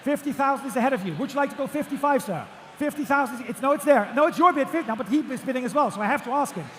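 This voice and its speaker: High-pitched fast auctioneer man, echoey hall. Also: lively intonation. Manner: rhythmic auctioneer patter, repeating numbers; projecting loudly to a room. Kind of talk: auctioneer calling bids at a live car auction. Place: large auction room with bidders. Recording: echoey auction hall, faint background noise.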